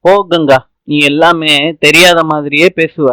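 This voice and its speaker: Man doing a shy sweet husband, gentle pleading way of talking, dry mic. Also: on the high side, level tone, unhurried, clear, resonant tone, dry recording. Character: shy affectionate young husband. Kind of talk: serial recap narration.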